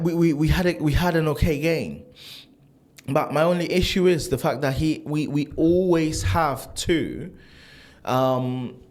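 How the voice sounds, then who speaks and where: A man born and raised in Italy, a football fan vlogger, ranting in a casual, animated and frustrated way, full of restarts and rhetorical questions. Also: on the high side. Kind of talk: casual opinion rant to camera.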